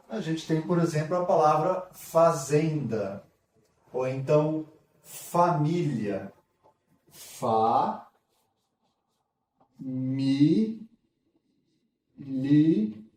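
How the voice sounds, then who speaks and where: A man's voice: on the high side, a little mellow, distant mic. A man with a Brazilian accent teaching a literacy lesson, patiently sounding out syllables one by one. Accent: Brazilian Portuguese. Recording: echoey room, voice off-mic.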